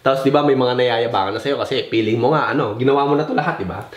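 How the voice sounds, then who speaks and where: Speaking fast at a medium pitch, a young vlogger gives casual advice in a blend of Tagalog and English. He curses casually, imitates others, and drifts off track as he rambles.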